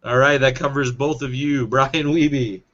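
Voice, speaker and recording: A man hosting a casual podcast, teasing his guests as he fires quick questions at them. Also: medium pitch, steady tone, a bit bright, highs cut off. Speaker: podcast host. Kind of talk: casual chat.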